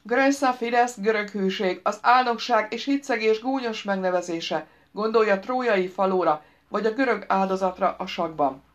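A woman voicing a dry, witty, sarcastic woman in an audiobook, speaking in a measured, lecturing way. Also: medium pitch, darkish tone, lightly acted. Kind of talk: audiobook character reading.

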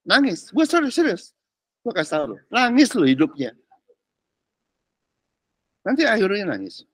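Animated pastor with a lively voice. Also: male voice, high voice, normal speed, dry recording. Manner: animated, mixes in English words and slang. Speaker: pastor teaching a discipleship class. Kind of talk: casual sermon teaching.

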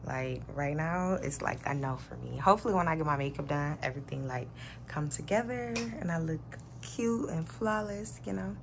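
Holding her camera at arm's length, an American woman in her twenties vlogs in an informal, slangy way. She speaks at a moderate pace in a low-pitched voice with lively intonation and vocal fry, and the recording picks up a lot of noise.

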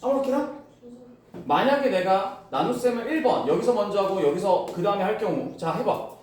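A man teaching a classroom math lesson, explaining step by step and firing quick questions at his students. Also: sits high, expressive, a little mellow. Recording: echoey room, voice from far off.

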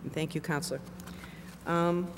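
A woman's voice: sits low, fairly even intonation, normal speed. A woman chairing a formal meeting in a large council chamber. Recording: echoey council chamber with noise.

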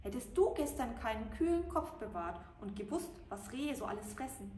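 A woman voicing a male gnome, gruff at first but kind underneath, speaking in a brisk, commanding storybook manner. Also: fairly high pitch, very animated, a little mellow. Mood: remorseful. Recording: roomy, distant mic, faint hiss.

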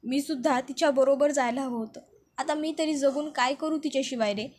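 A woman's voice: high-pitched, fairly quick, a little mellow, close to an everyday voice. A woman doing a frantic grieving young father. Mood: grieving, pleading. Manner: pleading, frantic repetition. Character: grief-stricken man, a widowed new father.

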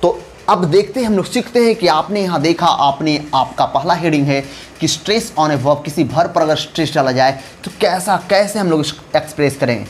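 A man's voice: fairly high pitch, normal speed, slight background noise. Emphatic man teaching grammar, repeating terms. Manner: emphatic, repeats key terms, drills students. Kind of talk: classroom lecture mixing Hindi and English.

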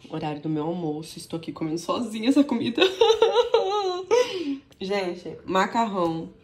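A woman's voice: on the low side, moderate pace. A woman chatting casually to camera, affectionate and laughing often, filmed in her car and at home. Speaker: vlogger and mother. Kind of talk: casual vlog chat.

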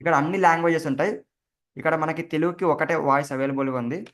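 A man walks viewers through a software setup, talking quickly. He names every key he presses as he goes. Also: on the high side, fairly even intonation. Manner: explains each keystroke as he goes. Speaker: tech tutorial host. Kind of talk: step-by-step screen recording tutorial.

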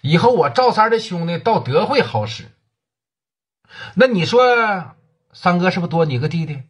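A calm, shrewd big-city gang leader, as a male storyteller puts him on, speaking low and unhurried in a husky Northeastern Mandarin voice. He talks with the easy, knowing tone of a man who holds all the cards. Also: lo-fi sound, exaggerated voice. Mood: lecturing.

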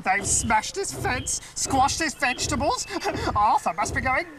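A fussy chattering crow. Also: female voice, high voice, very animated, a little slow. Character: fussy excitable crow, male. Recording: hissy old VHS tape.

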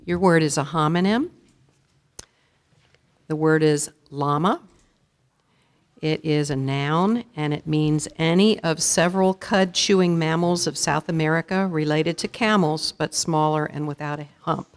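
A woman serving as a spelling bee pronouncer in a school auditorium, saying each word slowly and deliberately and reading out definitions. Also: low voice. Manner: slow, deliberate, repeats each word clearly.

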